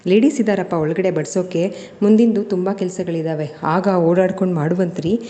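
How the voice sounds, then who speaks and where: A brisk, hospitable mother of the house urging guests to eat, as a woman narrator puts her on. Kindly but insistent, with a low, mellow voice. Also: fairly even intonation, natural voice.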